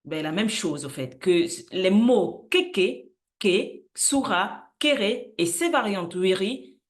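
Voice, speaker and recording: A woman with a mid-range voice gives an educational explainer. She reads lists of words slowly and carefully. She hesitates often and sounds unsure of some pronunciations. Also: mid-range voice, lively intonation. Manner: unsure of pronunciation in languages she does not speak. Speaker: channel host presenting word roots.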